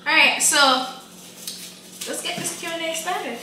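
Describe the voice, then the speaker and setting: A woman's voice: very high-pitched, a little slow, far from the mic. A young woman co-hosting a food vlog in a casual, slangy, laid-back way. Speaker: vlog co-host. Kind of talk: casual chat. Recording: echoey room, off-mic, background noise.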